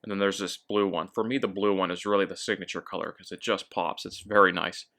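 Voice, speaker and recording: Bright-voiced man reviewing a watch. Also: deep voice, quick pace. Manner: relaxed, with fillers and self-corrections. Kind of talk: casual product review.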